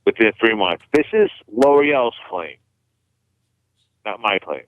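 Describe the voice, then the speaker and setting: A man's voice: fairly low pitch, expressive, slow pace, dry recording. A man calling in over a distorted, fuzzy phone line, talking earnestly and restarting his words often. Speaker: caller. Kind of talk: casual radio talk.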